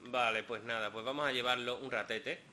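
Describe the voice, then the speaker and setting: Bright game commentator. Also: male voice, mid-range voice, moderate pace, a little hiss or hum. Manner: joking, excitable, swears casually. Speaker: gaming host. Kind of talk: gameplay commentary.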